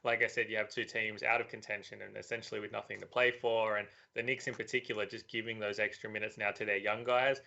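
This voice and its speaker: A man talking as a sports betting analyst, giving a measured, analytical preview with frequent fillers. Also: lowish voice, level tone, gravelly, sharp tone. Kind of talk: casual betting preview chat. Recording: dull lo-fi audio.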